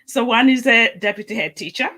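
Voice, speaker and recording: Woman, talk show host, crisp bright tone, enthusiastic introductions. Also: on the high side, a little fast. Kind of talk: casual chat.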